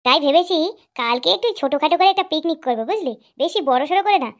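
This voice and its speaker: Speaking quickly in a high, animated voice, a woman plays a group of rowdy, crude young village drinking pals bantering. It's brash dialogue from a Bengali comedy cartoon.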